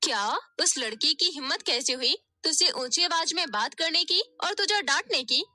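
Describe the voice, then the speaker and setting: A woman's voice: sits high, normal speed, sharp tone. A woman voicing a cruel, middle-aged stepmother who scolds and threatens her stepdaughter in a storybook tale. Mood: harsh scolding.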